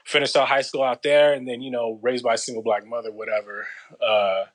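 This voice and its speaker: A man, telling his life story as a podcast guest in a relaxed, slangy way. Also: medium pitch, brisk. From Los Angeles. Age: 30s. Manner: laid-back storytelling, slangy, many fillers. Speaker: guest, former soldier. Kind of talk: casual interview.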